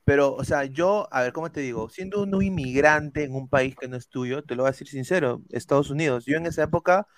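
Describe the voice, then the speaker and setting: A man's voice: mid-range voice, a little fast, few pauses, no echo. A man, telling a personal story in casual chat, rambling with lots of restarts. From Peru. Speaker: panelist.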